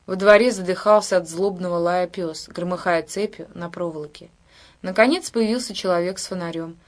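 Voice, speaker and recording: This is an audiobook reader, a woman with a fairly low voice, delivering scripted narration of a book. Her storytelling is measured and even.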